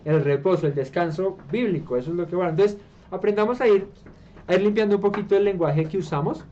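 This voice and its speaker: A Colombian man leads a home Bible study, his voice sitting somewhat high, and he keeps checking that his listeners follow along. He restarts phrases as he explains. The recording is dull and low-fi, with a faint hiss underneath. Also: a little mellow. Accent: Colombian Spanish. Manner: conversational, asks listeners "¿listo?" and "¿sí?" often; hesitant restarts while explaining. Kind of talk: informal group Bible study.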